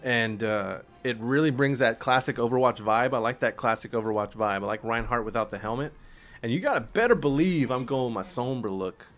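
A man streaming gameplay, commenting casually in slang with swearing, a little tipsy from drinking, and breaking into excited yells during play. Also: medium pitch, a little fast, faint music behind. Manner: laid-back, slangy, swears, bursts into excited yelling at play. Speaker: gaming streamer.

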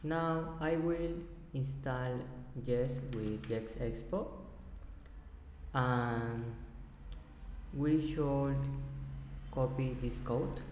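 Slow-talking man, echoey room. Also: mid-range voice, a little mellow, slight background noise. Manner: slow, halting step-by-step narration in simple phrases. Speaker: programming tutor. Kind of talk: screen-recorded coding tutorial. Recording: roomy echo with long reverb.

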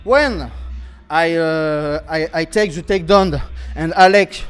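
A young French man, a fighter being interviewed after a bout, speaking halting, broken English with a French accent and repeating words as he searches for them. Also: a little high, smooth. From France. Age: young adult. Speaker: MMA fighter. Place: indoor event backdrop interview area. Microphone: handheld interview microphone held close.

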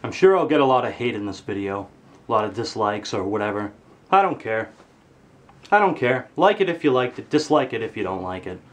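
A teenage boy vlogger rants to his webcam indoors in his bedroom, his male voice animated and brisk. The comedic rant to camera is full of exaggerated anger and lots of swearing, his pitch jumping high whenever he's outraged.

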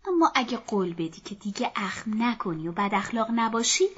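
A woman's voice: a little high, very animated, a bit bright, breathy edge, heavily acted. A woman voicing an irritated, tired mother who scolds her child sharply, in a dull lo-fi recording. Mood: reproachful.

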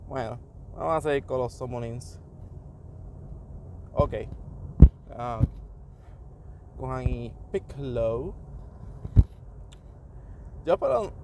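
A man's voice: mid-range voice, background noise. A man giving casual commentary on game summons, switching between Spanish and English and reacting to each pull. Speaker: gaming YouTuber.

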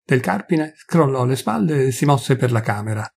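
A man narrating a literary short story aloud in a measured, expressive reading. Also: medium pitch, creaky, husky.

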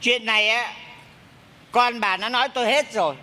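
A man's voice: very high-pitched, normal speed, bright, forceful tone. A man performing in a live stage comedy sketch, with exaggerated theatrical delivery. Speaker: comic actor playing a sorcerer.

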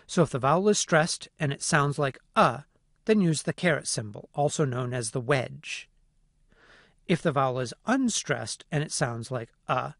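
A man narrating a phonetics lesson in a clear, methodical way. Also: a little high, no echo, studio quality. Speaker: phonetics instructor. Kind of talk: scripted lecture narration.

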